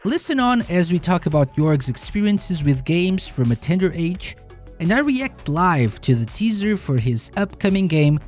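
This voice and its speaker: A podcast host with a fairly high, darkish-toned male voice opens with a scripted intro. He then shifts into an upbeat, casual interview chat with a guest.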